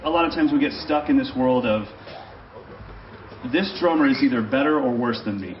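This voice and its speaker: An animated man in his forties addresses a live audience through a handheld mic on a large stage. His urging talk echoes around the hall. The sound is dull, with faint noise behind it. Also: medium pitch, moderate pace. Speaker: drum clinician.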